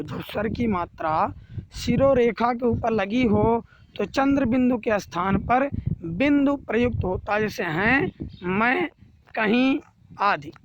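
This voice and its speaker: A man's voice: very high voice, highs cut off, background noise. A man teaching a grammar lesson to children, repeating each rule and then asking and answering his own questions. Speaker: Hindi teacher.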